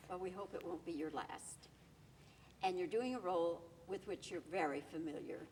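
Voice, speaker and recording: A woman asks an actress questions with gracious enthusiasm, her voice a little low. She sounds a bit away from the mic, with faint noise behind her. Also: moderate pace, a little mellow, distant mic, low-quality recording. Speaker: interviewer. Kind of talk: TV entertainment interview.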